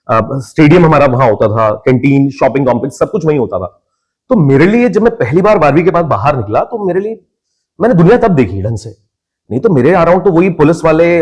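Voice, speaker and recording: A young Indian man from India, a podcast guest and actor, telling his life story in casual conversation and acting out his family's voices. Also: on the high side. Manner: lively storyteller who acts out family members' voices.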